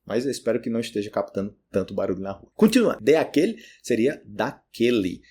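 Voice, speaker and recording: A Brazilian man with a husky, slightly rough voice gives a relaxed language lesson from his home. He speaks in a Brazilian Portuguese accent, repeats each phrase several times so learners can copy it, and keeps checking in with a quick "né?". His pitch sits in an ordinary middle range. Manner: repeats words slowly to model pronunciation, asks "né?" often. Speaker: Portuguese teacher. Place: home room by a street with car horns.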